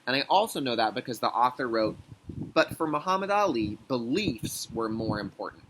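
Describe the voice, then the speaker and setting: A man leads a kindergarten read-aloud lesson, enunciating deliberately and instructing young children as their teacher. His medium-pitched voice is expressive, and background noise can be heard.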